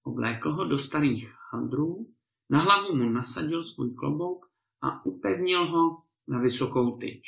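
Man reading a fairy tale, gravelly. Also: fairly high pitch. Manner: expressive, lively storytelling with varied voices. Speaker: storyteller. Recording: echoey room.

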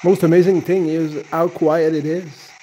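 A man leading a paranormal session with casual, halting questions addressed to spirits, pausing between short phrases. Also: on the high side, flat delivery, dark tone. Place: inside a large underground cave. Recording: noisy handheld cave recording.

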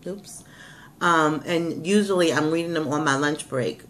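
A woman's voice: sits low, measured pace, fairly bright tone. A woman, chatting casually as a vlog host. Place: indoors, plain small room at home. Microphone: webcam microphone at arm's length.

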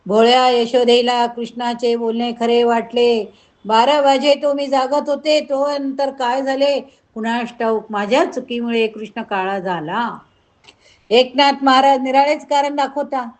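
A woman's voice: a little high, fairly even intonation, unhurried. A woman retelling a devotional scripture story, adding preachy asides to her listeners.

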